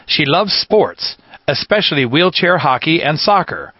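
A man's voice: on the high side, expressive, measured pace, husky, no room sound, dull audio. A man reading a scripted narration in an announcing manner.

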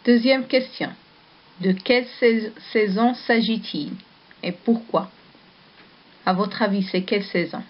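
A woman teacher from Morocco talks slowly and patiently to young pupils. She reads a storybook aloud, asks questions and praises the answers. The recording sounds dull and lo-fi. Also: medium pitch. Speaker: primary school teacher. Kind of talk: slow classroom lesson and storybook reading.

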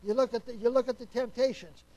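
Man, high-pitched voice, preacher, Sunday sermon, folksy conversational delivery, questions to the congregation, hushed at solemn moments. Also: steady tone, fast, poor audio. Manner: drops to a hushed, quiet voice at solemn points.

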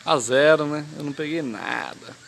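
A man's voice: on the high side, normal speed, gravelly, fairly bright tone. Chatty brazilian man fishing outdoors. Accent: Brazilian Portuguese. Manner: chatty, teasing, gives pointers. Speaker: fishing vlog host. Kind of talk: casual chat while fishing. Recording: noisy outdoor camera audio.

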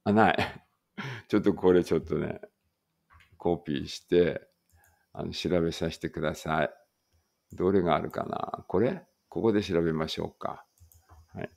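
A man's voice: sits low, normal speed, gravelly, pauses often, darkish tone. A man teaching English vocabulary, reading words aloud and thinking aloud as he checks each one. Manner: thinks aloud while working through a word list. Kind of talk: vocabulary read-aloud lesson.

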